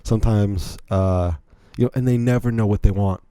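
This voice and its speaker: A young American man from Virginia hosts a solo podcast, telling casual stories in a chatty, rambling way with many asides. His lowish, dark, clean voice holds a steady tone at normal speed, and the studio recording is clean with no room sound.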